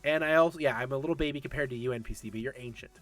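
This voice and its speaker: A man's voice: mid-range voice, racing, a bit bright. A man in his late thirties hosting a casual livestream Q&A for an esports league, chatty and laughing often while answering chat. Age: 30s.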